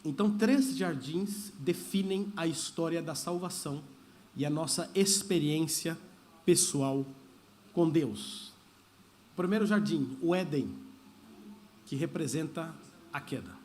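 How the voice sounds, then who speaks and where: A man's voice: a little high, a little slow, pauses often, a little mellow. A man preaching a sermon as pastor, talking in a conversational way and slipping into Spanish phrases. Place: church service.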